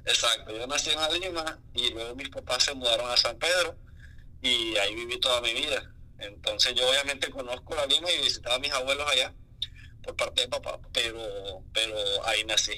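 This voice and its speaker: Man, Honduran Spanish accent, very bright tone, candid, rambling storyteller, interview guest. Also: medium pitch, a little fast, low-quality recording. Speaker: music artist guest. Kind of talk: casual interview chat.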